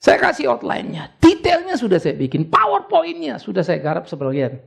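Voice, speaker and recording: Gravelly, animated older preacher man. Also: high voice, a little fast. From Indonesia. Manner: conversational preaching with sudden rising exhortations. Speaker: pastor. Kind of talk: sermon.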